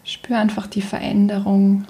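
Near-whispered and breathy, a woman's mid-range voice guides a meditation. She stays soft, calm and soothing throughout, pausing at length between phrases.

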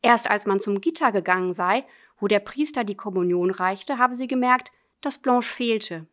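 A woman reads a literary story aloud in the voice of a letter writer. Her delivery is measured and earnest, speaking to a close friend. Her pitch sits in the middle range. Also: fairly bright tone. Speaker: audiobook reader. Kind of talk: literary audiobook narration, letter form.

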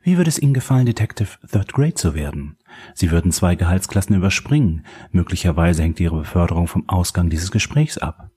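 A man reading an audiobook, voicing a cool, powerful woman official who talks with smooth, condescending politeness. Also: low voice, very animated, fairly quick, warm tone, full character voice.

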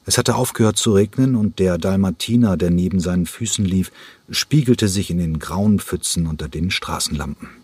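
A man reading an audiobook in a measured storytelling manner. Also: deep voice, darkish tone, slightly rough, no room sound. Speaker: audiobook narrator. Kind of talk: scripted narration.

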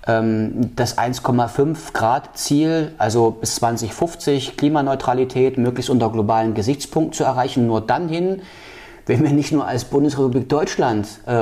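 A man gives long, earnest answers in an interview. His voice is mellow and low-key. He halts often, restarting phrases and filling pauses with hesitation sounds. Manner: halting, many fillers and restarts. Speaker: political candidate.

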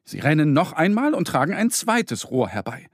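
A man reading a children's story aloud in an expressive, lively scripted narration. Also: a little high, normal speed, dry recording, studio quality.

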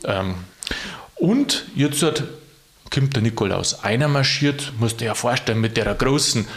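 Brief: man, podcast host, animated pitch, playful casual chat. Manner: lively, joking, quick bursts.

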